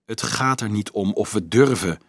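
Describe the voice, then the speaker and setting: A man voicing a calm, dryly mocking young male student who argues reasonably. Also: medium pitch, moderate pace, dry recording, natural voice. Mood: reasoning. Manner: calm, dry, sometimes pleading.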